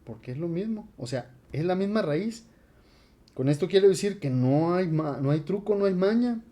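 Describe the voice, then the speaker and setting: A man teaching Latin grammar in a relaxed, conversational classroom lecture, with frequent fillers. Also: sits high, normal speed. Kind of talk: casual classroom lecture at a board.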